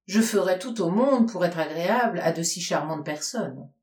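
A man's voice: high voice, lively intonation, normal speed, darkish tone. A fussy, vain old scholar who gets flustered and puffs himself up, as a woman reading a storybook puts him on. He speaks with self-important fuss. The room gives the voice a noticeable echo. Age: older. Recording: roomy echo.

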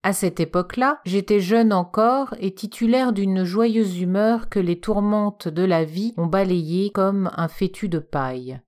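A woman narrating a literary story in a measured, expressive storytelling manner. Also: mid-range voice.

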